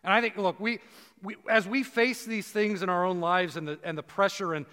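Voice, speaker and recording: A man preaching a conversational sermon, dropping low and slow for emphasis. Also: fairly even intonation, bright, forceful tone, long reverb tail. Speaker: pastor.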